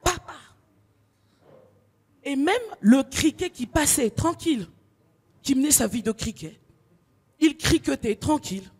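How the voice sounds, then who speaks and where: A young woman from Congo doing stand-up comedy, telling stories in slangy animated bits. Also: high voice, slightly rough, long reverb tail. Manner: animated storytelling, street slang.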